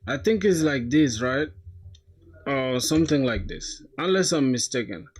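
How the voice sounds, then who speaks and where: A young man from South Sudan talks through his code on a livestream, thinking aloud in relaxed slang. His voice sits at an ordinary middle pitch and jumps up when something excites him. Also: unhurried, slightly rough. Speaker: coding livestreamer. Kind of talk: casual live coding commentary.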